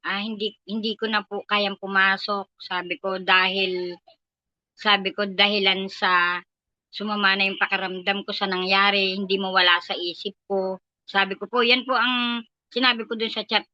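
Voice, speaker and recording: A woman's voice: mid-range voice, fairly even intonation, normal speed, sharp tone, no echo, dull audio. An older woman with a Filipino accent, giving an earnest, emotional personal testimony at a prayer meeting. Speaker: church member giving testimony.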